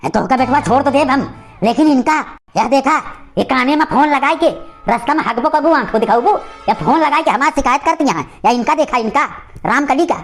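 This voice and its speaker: Lady voicing a cranky old village uncle, awadhi accent, high pitched, yelling and cussing nonstop, cartoon. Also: expressive, brisk. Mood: scolding. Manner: loud scolding, cursing rant. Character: angry old male village uncle, scolding. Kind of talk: animated cartoon comedy.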